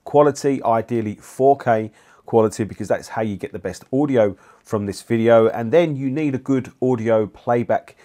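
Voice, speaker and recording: A man in his forties hosts a review video, speaking to camera in a scripted-sounding way at normal speed, his medium-pitched voice dark in tone. He wears a lapel mic in a small indoor studio lined with acoustic panels.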